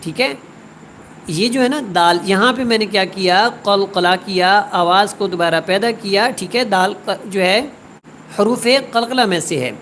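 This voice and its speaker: A woman teaching a word-by-word Quran tajweed lesson. She recites each word slowly and drawn out, then explains quickly. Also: mid-range voice, a bit bright, a little hiss or hum, low-quality recording.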